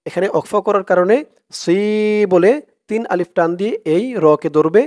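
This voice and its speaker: In a high voice, a man leads a slow, step-by-step Quran reading lesson. He first breaks words into syllables, then chants them more loudly and drawn out.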